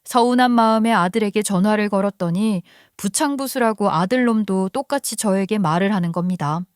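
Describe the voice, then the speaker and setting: An older woman narrates a personal family story in a calm, confiding, scripted way. Her voice sits at a middle pitch and sounds dry and close to the mic. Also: brisk, clean tone, no room sound.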